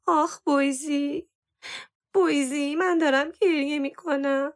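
A woman's voice: sits high, big pitch swings, voice pushed up. A woman reading a storybook voices a moody, self-conscious teenage girl who whines and pleads. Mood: wailing. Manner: whiny, pleading with her cat.

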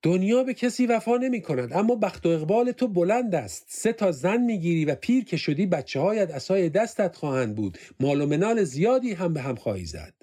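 A man's voice: sing-song, few pauses, dark tone. A man voicing a solemn female fortune-teller who intones a prophecy in a raised voice. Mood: prophetic. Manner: high-pitched, intoning prophecy. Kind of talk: audiobook character voice.

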